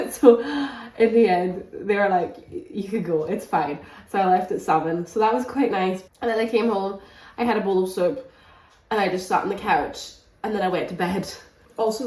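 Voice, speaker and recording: This book vlogger speaks at a medium pitch, and there's a faint hiss or hum on the track. Sitting in her home kitchen with a stuffy cold, she chats casually and rambles, filling her talk with fillers. The recording sounds echoey, as the mic is placed some way off.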